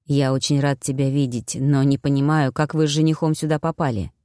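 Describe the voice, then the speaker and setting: Woman doing a weary injured young nobleman, gentle and subdued, lowered voice, audiobook. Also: level tone, brisk, no echo, clean studio sound, natural voice.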